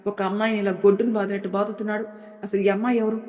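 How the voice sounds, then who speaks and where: A woman's voice: mid-range voice, level tone, rapid-fire, a little mellow, natural voice. A woman voicing an angry, protective young man in an audio story, confronting a family with indignant questions. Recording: long hall reverb.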